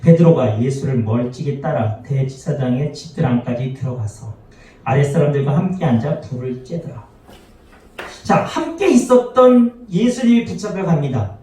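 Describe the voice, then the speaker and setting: A man's voice: medium pitch, expressive, normal speed, warm tone. A man, a pastor, preaching a sermon to his congregation, often asking them rhetorical questions and acting out the quoted lines. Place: church sanctuary. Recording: very echoey hall, voice from far off.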